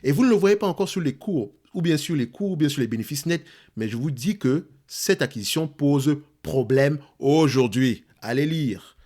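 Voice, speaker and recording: A man's voice: a little high, expressive, moderate pace, a little mellow. A man with a Cameroonian French accent, a channel host explaining stock analysis in an emphatic, teacherly way, repeating points and asking rhetorical questions.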